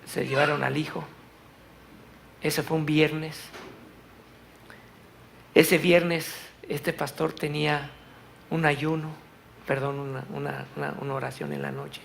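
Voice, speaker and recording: A man preaching a sermon in a church, telling a story and reading scripture aloud, swelling loud on the verses. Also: fairly high pitch, level tone, slow pace, gravelly, pauses often, a little hiss or hum. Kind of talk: Spanish-language church sermon.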